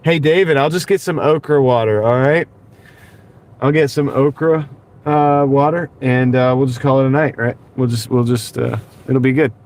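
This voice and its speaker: A livestream host rambles through a casual chat with viewers from his car at night, often chuckling as he reads their messages aloud. His voice is medium-pitched with fairly even intonation, a moderate pace, and a darkish tone, and it's slightly rough and nasal from congestion. He's on a wireless clip-on mic.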